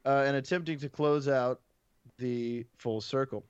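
A man hosting a casual movie trivia game, reading out the rules at a measured pace. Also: medium pitch, steady tone, smooth, dry recording. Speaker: game show host. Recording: dull lo-fi sound.

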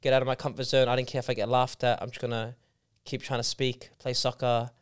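Podcast co-host guy, smooth clear voice, asks long questions, bit jokey. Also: medium pitch, level tone, fast. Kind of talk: casual chat.

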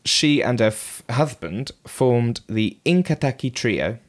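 A man co-hosting a podcast, telling a story in a relaxed, casual way with lots of ums and asides. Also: mid-range voice, slow pace. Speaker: podcast co-host.

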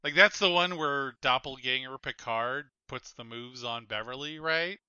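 A man co-hosting a podcast, talking in animated casual chat with lots of filler words. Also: medium pitch, normal speed, smooth, dry recording, muffled recording. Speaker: podcast co-host.

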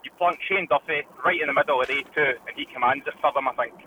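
A Scottish caller comes through a tinny phone line with a faint hiss behind him. He talks fast and his voice sits a bit high for a man. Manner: opinionated, says "do you know what I mean". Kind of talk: casual phone-in chat.

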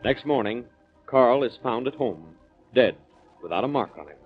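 A man announcing and recapping the story on an old radio show, in a measured delivery. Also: mid-range voice, lively intonation, slightly rough, soft background music. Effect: old radio show broadcast. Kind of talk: scripted recap narration. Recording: dull lo-fi old radio recording.

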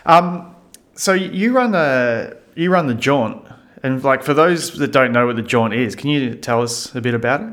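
A man's voice: mid-range voice, expressive, normal speed, a bit bright. A man hosting a podcast, chatting in an easygoing, casual interview style. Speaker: podcast host.

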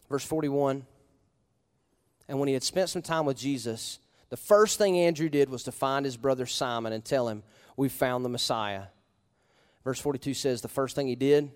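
Male pastor, slightly raised pitch, chatty sermon delivery with rhetorical questions and loud bursts, church hall with long echo. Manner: conversational preaching with rhetorical questions and sudden loud emphasis.

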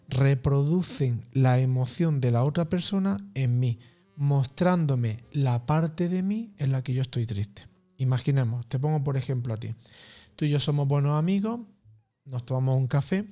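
A man calmly explaining emotions as a guest, in a slow, measured, spiritual teaching manner. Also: on the high side. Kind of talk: calm reflective explanation.

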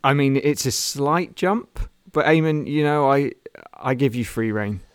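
A man's voice: mid-range voice, measured pace, smooth, dry recording, clean studio sound. A man co-hosting a comedy podcast, bantering in a playful, self-mocking way. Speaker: podcast co-host. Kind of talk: casual comedic chat.

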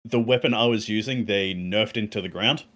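A man with a lowish voice co-hosts a casual gaming podcast. He rambles in a laid-back way, leaning on "like" and "you know.". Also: normal speed, fairly bright tone. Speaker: podcast co-host.

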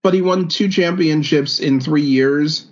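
A man's voice: on the high side, unhurried, highs cut off. A man co-hosting a sports podcast, reeling off numbers with many ums and uhs. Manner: reels off stats with many fillers. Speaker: podcast co-host. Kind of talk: casual sports chat.

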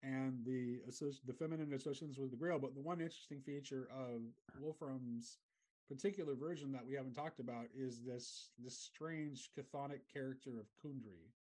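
A man's voice: medium pitch, a little fast, mellow. A man in a casual conversation, talking in a reflective way and eager to connect ideas.

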